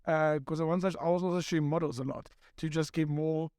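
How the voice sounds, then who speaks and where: A man in his thirties from South Africa, a guest photographer telling stories in a relaxed, rambling way during a casual panel chat. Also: on the high side, brisk, clean tone, no room sound, clean studio sound. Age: 30s. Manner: relaxed, rambling storytelling with repeats.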